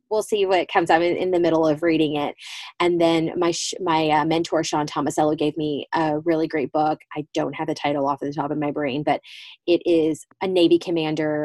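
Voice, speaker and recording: Low-voiced woman, dry closet podcast recording. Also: a little mellow, no room sound. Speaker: podcast host. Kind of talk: casual solo podcast monologue. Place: small closet indoors.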